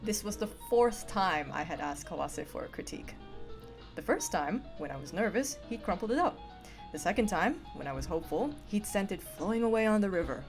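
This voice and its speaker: A woman streamer reading visual novel narration aloud in an expressive, playful way. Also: mid-range voice, brisk, soft background music. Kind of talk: reading narration with casual asides.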